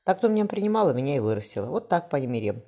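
A man reading the lines of a gentle young woman who comforts and consoles, in a soft voice. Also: fairly high pitch, sing-song, racing, pitched above the performer's own voice. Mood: consoling. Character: gentle young woman midwife, tender and steady.

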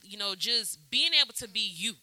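A man's voice: sits high, moderate pace, pushed and bright, dry recording, rough recording. A man co-hosting a podcast, speaking heartfelt and reflective in casual chat, with many fillers.

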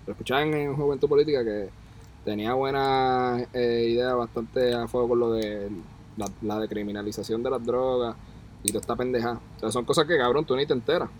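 A man's voice: mid-range voice, fairly even intonation, fairly quick, slight background noise, rough recording. A young man with a Puerto Rican accent, co-hosting a casual podcast chat, slangy and joking, stretching his words. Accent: Puerto Rican Spanish. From Puerto Rico. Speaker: podcast co-host. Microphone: remote call mic.

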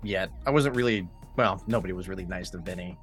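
A man's voice: low voice, fast talker, a bit bright, soft background music. A man playing in a tabletop role-play, speaking in a hesitant, stammering way with many restarts. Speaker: player.

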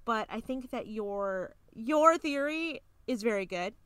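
A woman's voice: a little high, animated, smooth, dry recording. A young woman co-hosting a casual podcast, chatty and playful, who laughs easily. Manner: chatty, giggly, gets loud and playful when rushed. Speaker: podcast co-host. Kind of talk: casual book-club chat.

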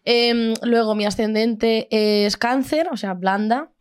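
A woman with a fairly high voice, talking loosely and playfully as a podcast host. Her tone is chatty and relaxed, like friends talking around a table. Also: takes it slowly, clear, resonant tone. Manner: chatty, playful, explains astrology. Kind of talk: casual chat.

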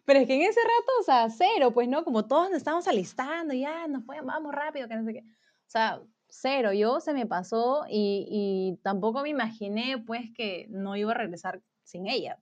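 A woman's voice: a little high, animated, normal speed, a little mellow. A woman telling a story in casual chat, full of slang and fillers. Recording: dull lo-fi sound.

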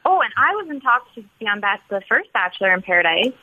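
30s woman guesting on a podcast, teasing and curious, kinda high voice, tinny phone-ish sound. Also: sing-song, fast, pushed and bright, breathy edge. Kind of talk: casual chat.

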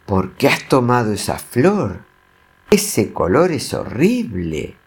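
A man's voice: medium pitch, huge pitch swings, slow pace, husky, exaggerated voice. A man voicing a whiny, grumpy crocodile with sore knees in a storybook reading, shrieking and fussy. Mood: indignant. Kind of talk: storybook voice acting.

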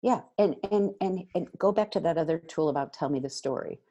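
A woman giving parenting advice in casual chat, animated and acting out what parents and kids might say. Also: on the low side, brisk, muffled recording. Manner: animated, acts out quoted dialogue. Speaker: parenting guest expert.

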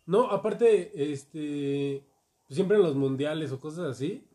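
A man's voice: on the high side, slow pace, dark tone. A man with a Mexican accent, a laid-back, wisecracking podcast co-host in casual chat with friends.

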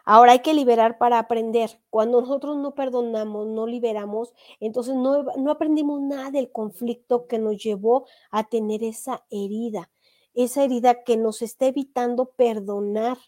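A woman's voice: on the high side, steady tone, normal speed, a little mellow. Earnest woman giving advice. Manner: earnest, addresses listeners directly with rhetorical questions. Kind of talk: motivational talk on forgiveness.

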